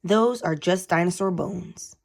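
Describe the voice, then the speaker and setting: A woman's voice: lowish voice, animated, a little slow, gravelly, heavily acted. A woman voicing a friendly father pig in a storybook, patient and explaining things.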